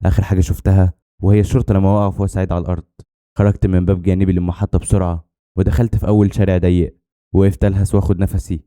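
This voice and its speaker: A man with an Egyptian Arabic accent tells a suspenseful first-person story at a breakneck, very fast pace. His low, dark voice is mellow rather than bright, and although the telling is tense and dramatic, his delivery is flat.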